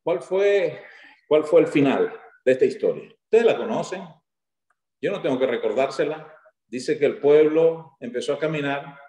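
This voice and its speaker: A guest pastor from Maracaibo, in Venezuela's Zulia state, preaches a sermon in a Maracaibo accent, talking fast and growing excited. His voice is on the high side and sounds reverberant.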